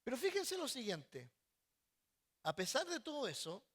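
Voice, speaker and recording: A man pastor preaching a sermon, often repeating words and pausing mid-sentence before stressing his points. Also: very high-pitched, wildly swooping pitch, a bit bright. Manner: halting, repeats words while searching, then stresses points.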